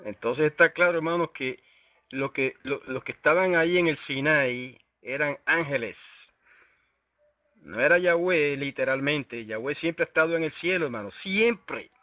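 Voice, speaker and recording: A man's voice: fairly high pitch, normal speed, sharp tone, no echo, dull audio. A man preaching a Bible lesson, explaining Hebrew words and checking in with his listeners, with many restarts. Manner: hesitant, many restarts and fillers. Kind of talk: Bible teaching sermon.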